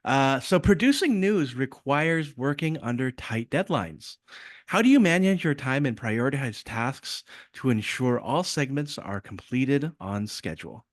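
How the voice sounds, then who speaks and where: A man's voice: mid-range voice, animated, a little slow, dry recording, studio quality. A man speaking conversationally as an interviewer and coach, giving encouraging feedback.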